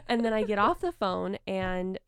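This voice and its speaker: Sultry woman with vocal fry. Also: medium pitch, expressive, moderate pace, no echo, studio quality. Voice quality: soft, sultry voice. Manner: frank, not bubbly. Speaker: podcast co-host. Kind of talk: casual chat.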